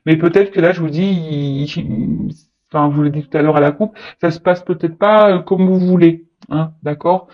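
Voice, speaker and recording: A woman talks viewers through a tarot reading in a loose, conversational way. She hesitates often, fills pauses and restarts her sentences, with a teasing, chatty edge. The recording sounds dull and muffled. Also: deep voice. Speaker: tarot card reader.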